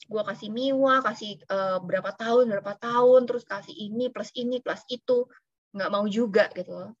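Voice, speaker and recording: A woman's voice: medium pitch, moderate pace, no room sound, lo-fi sound. A woman, an insurance agent giving a casual motivational talk, chatty and slipping in English phrases. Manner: chatty, mixes in English phrases, laughs now and then. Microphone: video call.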